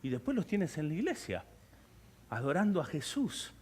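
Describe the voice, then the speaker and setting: A man preaching a sermon as pastor, animated and humorous, telling stories with sudden shifts in loudness. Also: on the high side, normal speed, breathy edge. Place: church sanctuary. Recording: reverberant church hall.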